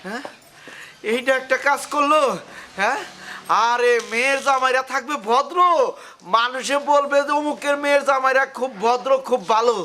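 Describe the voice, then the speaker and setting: An actor playing a proud village headman and father-in-law, ranting in loud agitation about his honor. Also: very high-pitched, steady tone, normal speed, a little hiss or hum. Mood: agitated. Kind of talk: rural comedy drama acting.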